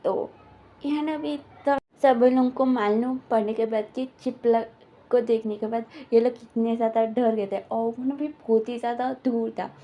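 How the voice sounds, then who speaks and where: A woman's voice: fairly high pitch, steady tone, moderate pace, lo-fi sound. A woman casually retelling a fan story in a rambling, filler-heavy way, slipping into quoted lines.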